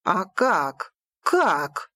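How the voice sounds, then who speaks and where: A woman voicing a distraught, stern father in an audiobook, speaking in a slow, heavy, scolding way. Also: fairly low pitch, big pitch swings, fairly bright tone, dry recording, exaggerated voice. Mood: angry. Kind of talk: audiobook character voice.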